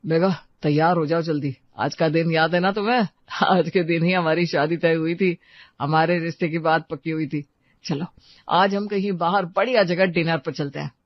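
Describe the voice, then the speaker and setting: Gentle cartoon husband, voiced by an actor. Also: medium pitch, steady tone, moderate pace, no echo, lightly acted. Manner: gentle, coaxing. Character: caring young husband, gentle and patient. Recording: dry, slightly dull lo-fi sound.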